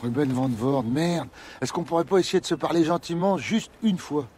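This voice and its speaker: An actor playing a nervous French customs officer who tries to calm a hostile neighbor with jokes and pleading. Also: male voice, a little high, normal speed, a little hiss or hum, lightly acted. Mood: placating. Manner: placating, wheedling, jokey. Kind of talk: film dialogue.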